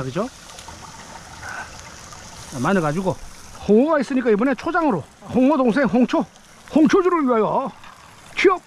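A man with a very high-pitched voice narrates a casual outdoor fishing vlog, chatting and exclaiming to himself while he eats and fishes on a rocky riverbank, both night and day. A head-mounted action camera records him, with a little hiss or hum.

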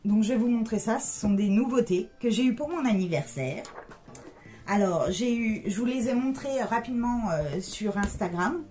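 A woman's voice: on the high side, lively intonation, normal speed, dark tone. A middle-aged woman chatting casually through a makeup review as a beauty vlogger, with many hesitant fillers.

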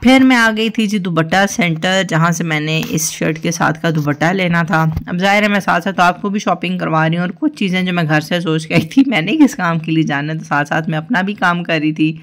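A woman's voice: on the low side, brisk, hardly any pauses, a bit bright. A young woman, chatting through her shopping trip and listing prices in a friendly, easy way. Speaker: shopping vlogger. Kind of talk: casual voice-over narration of a shopping trip.

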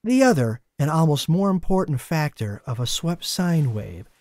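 A man giving scripted documentary narration in a measured, explanatory way, recorded as a voice-over. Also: a little high, sing-song, darkish tone.

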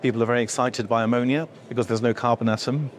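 A man's voice: medium pitch, steady tone, fast talker, a little hiss or hum. A middle-aged man, an industry association executive, answering interview questions, with many fillers and restarts as he explains. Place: indoor event room before a logo backdrop.

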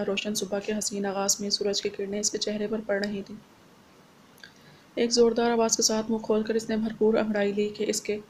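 A woman narrating a romance novel in a scripted, even, unhurried reading. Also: mid-range voice, a little hiss or hum. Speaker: audiobook narrator.

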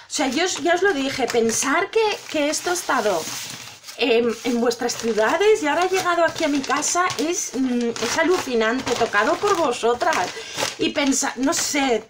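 A woman's voice: high-pitched, noisy background. A middle-aged woman from Spain, gushing and emotional as she opens gifts from viewers at home, exclaiming over each one. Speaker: vlogger opening viewer gifts. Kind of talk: excited unboxing chat.

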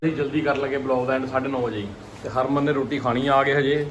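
A fast-talking man with a Punjabi accent and a medium-pitched, level voice chats casually and teasingly on a family vlog, often repeating himself. He is holding the phone himself, and the handheld home recording is noisy.

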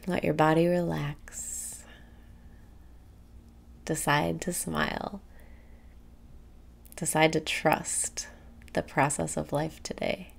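A young woman guides a meditation in a low-pitched voice with heavy creak. She speaks very slowly and softly, breathing her phrases out soothingly and pausing between them. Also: little pitch movement, whispered. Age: young adult. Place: small room indoors.

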